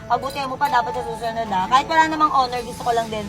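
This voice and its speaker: A woman's voice: a little high, very fast, over loud music. A woman playfully teasing her younger sibling in casual family banter, laughing often. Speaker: older sister.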